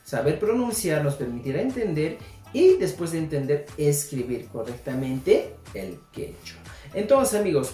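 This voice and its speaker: A woman teaching a language lesson, modeling sounds patiently and slowly for learners to repeat. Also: sits low, mellow, reverberant. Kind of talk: spoken lesson with repetition drills.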